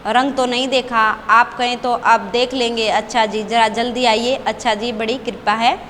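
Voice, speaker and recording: A woman's voice: a little high, steady tone, normal speed, fairly bright tone, in a large hall, slight background noise, natural voice. A woman teacher reading the part of a father, politely answering a doctor on the phone. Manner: polite, deferential.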